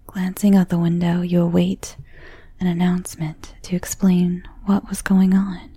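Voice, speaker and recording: A woman whispering a slow guided visualization story in the second person, in a soft unvoiced whisper. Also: on the low side, little pitch movement, slightly rough, no room sound.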